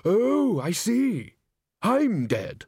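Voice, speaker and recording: A man voicing a fussy older man who has just become a ghost, in a high, startled and indignant voice. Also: big pitch swings, takes it slowly, darkish tone, husky, dry recording, clean studio sound, heavily acted.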